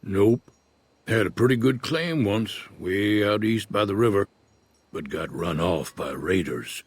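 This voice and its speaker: An actor voicing a retired old male prospector in a video game, speaking in an unhurried folksy drawl. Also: on the low side, expressive, breathy edge, no room sound. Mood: easygoing. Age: older. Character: weathered old male prospector, laid-back and wary. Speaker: retired prospector in a frontier town.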